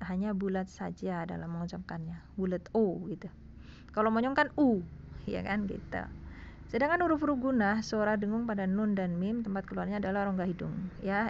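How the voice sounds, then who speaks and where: A woman's voice: medium pitch, gravelly, dull audio, slight background noise. A woman teaching a recorded lesson, explaining casually and checking in often with her listeners. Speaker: Quran recitation teacher. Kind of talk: screen-recorded online lesson.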